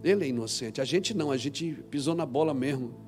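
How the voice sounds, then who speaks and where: A man acting out a repentant crucified male thief who tells the other to be quiet, in a lower, gruff voice. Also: lively intonation, a little fast, faint music behind, close to an everyday voice. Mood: gruff, humble. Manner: gruff, low scolding.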